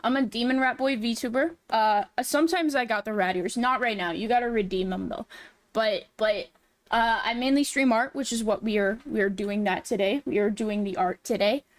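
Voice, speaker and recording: A woman hosting a casual livestream, chatting in a cute, animated anime-streamer way with drawn-out words. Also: on the high side, no room sound. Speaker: VTuber livestream host. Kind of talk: casual livestream chat while drawing.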